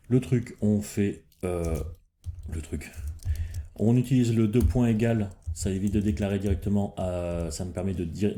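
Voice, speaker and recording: A man's voice: on the low side, dark tone. A man hosting a casual coding lesson, thinking aloud as he works, with frequent fillers and restarts. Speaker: programming tutorial host.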